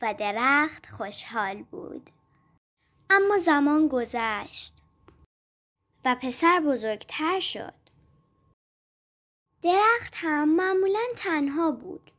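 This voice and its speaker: A woman calmly reading a children's story aloud. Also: high voice, long pauses.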